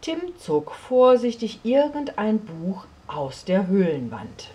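A woman reading a children's story aloud, slow and expressive, often sinking to a soft near whisper. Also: medium pitch.

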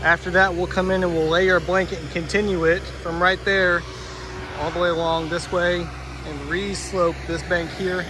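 A man's voice: sits high, level tone, moderate pace. A young man from Oklahoma explaining a pond renovation on site, earnest and explanatory, sometimes repeating words as he thinks. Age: young adult. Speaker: pond builder. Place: outdoor construction site by a pond, heavy machinery nearby. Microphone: handheld phone camera at arm's length. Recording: outdoor recording with clear machinery noise.

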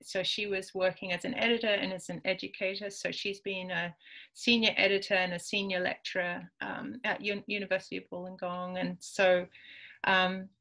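The recording is rough, and the mid-range voice is sharp, at normal speed with little pitch movement. It belongs to a native Spanish speaker from Peru in her forties, an author guest chatting casually by webcam from a bookshelf-lined room at home, with many ums and easy laughs.

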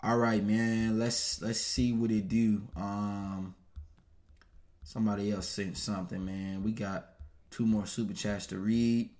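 A man's voice: lowish voice, little pitch movement, measured pace, darkish tone. A man hosting a casual livestream and reading viewer messages, talking in blunt, profane street slang. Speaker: channel host.

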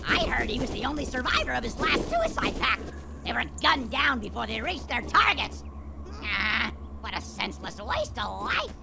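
A woman's voice: fairly high pitch, huge pitch swings, normal speed, creaky, very noisy, full character voice. A woman voicing a small, cowardly alien grunt soldier who grumbles nervously in comic game voice lines. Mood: gossipy. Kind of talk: video game unit voice lines. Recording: loud game music behind.

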